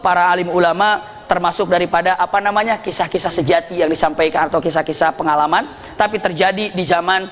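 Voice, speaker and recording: A man preaching at a religious study session, telling lively, humorous stories and acting out the voices of the people in them. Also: high voice. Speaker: Islamic preacher. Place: mosque study hall. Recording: echoey hall with faint noise.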